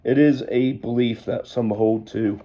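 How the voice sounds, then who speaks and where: Male Bible study teacher, very warm dark tone, measured delivery, voice fading, dull lo-fi sound. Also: medium pitch, fairly even intonation. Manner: measured, reads scripture aloud then explains. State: losing his voice.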